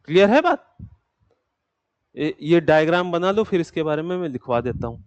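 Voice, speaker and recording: A man's voice: on the high side, expressive, moderate pace, darkish tone, no echo, lo-fi sound. A man teaching a geography class, asking his students questions and answering them himself, then dictating notes. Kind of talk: classroom lecture.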